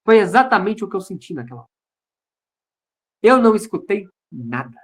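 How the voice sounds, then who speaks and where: A Brazilian pastor with a Brazilian Portuguese accent shares his personal testimony during an online service held over a video call. His high voice is sing-song and moderately paced, and he speaks earnestly, repeating phrases for emphasis.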